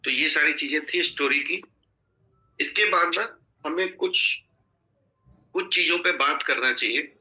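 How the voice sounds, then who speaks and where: A man's voice: a little high, unhurried, pauses often, bright, forceful tone, low-quality recording. A man coaching a sales team on a video call, giving instructive advice and often checking that listeners follow. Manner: instructive, repeatedly checking in with "theek hai?".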